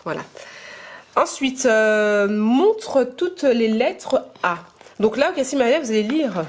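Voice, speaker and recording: A woman homeschooling her young children, talking to camera in a halting way and explaining lessons patiently. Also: fairly high pitch, expressive. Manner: patient, gentle teaching, slow explanations; hesitant, halting speech to camera. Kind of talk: casual home-schooling vlog and lesson.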